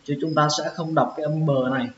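Man teaching pronunciation, slow and echoey. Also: fairly high pitch, steady tone. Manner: slow, drawn-out repetition of words. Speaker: English teacher. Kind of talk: pronunciation lesson. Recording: echoey, dull lo-fi with faint hiss.

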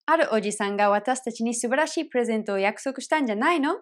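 An English pronunciation teacher with a slightly high voice runs an online lesson, explaining each point with care and clarity. She demonstrates phrases slowly and repeats them.

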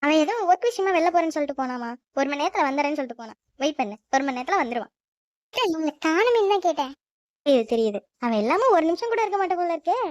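A woman voicing a brisk, teasing mother-in-law in a cartoon. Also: sits high, sing-song, dry recording, studio quality.

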